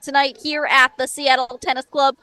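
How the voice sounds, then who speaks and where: A woman from New England doing live tennis commentary, measured and analytical as she breaks down the players' games. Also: sits high, level tone, sharp tone, dry recording, rough recording.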